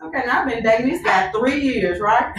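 A woman co-hosting a casual chat, telling a story in an animated, profane, laughing way. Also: fairly high pitch, a little fast, roomy sound, far from the mic, low-quality recording. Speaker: podcast co-host.

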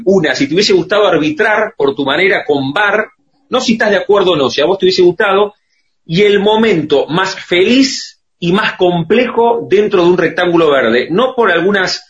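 A man's voice: high voice, lively intonation, moderate pace. A man with a Rioplatense Argentine accent hosts a radio interview, chatting and winding through long questions. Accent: Rioplatense Argentine Spanish. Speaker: radio host. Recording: dull lo-fi radio sound.

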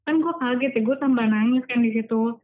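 A woman's voice: a little high, brisk. A young woman, earnestly recounting a frightening personal story in casual slang-filled chat. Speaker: storyteller guest. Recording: tinny phone-like audio.

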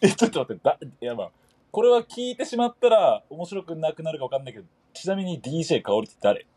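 A young man co-hosting a podcast in casual comedic banter, firing back quick exasperated retorts and often laughing. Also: fairly high pitch, sing-song, mellow, slightly rough. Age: young adult. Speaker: podcast co-host.

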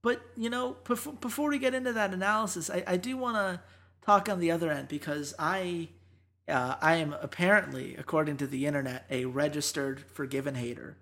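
A woman's voice: on the low side, fairly quick, fairly bright tone. A woman co-hosting an esports podcast, talking through matches in casual analysis with emphatic, exasperated rants.

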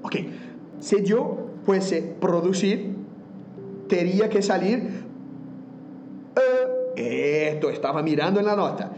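A vocal coach with a Brazilian Portuguese accent speaks in unhurried, drawn-out phrases, his voice sitting fairly high for a man. He often searches for the right word in his second language, sometimes lands on a Portuguese one, and pauses to show exercises with his own voice. A faint hiss sits behind him. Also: a little mellow, lo-fi sound. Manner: slips in Portuguese words, searches for words; demonstrates vocal exercises mid-talk. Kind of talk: explanatory interview talk.

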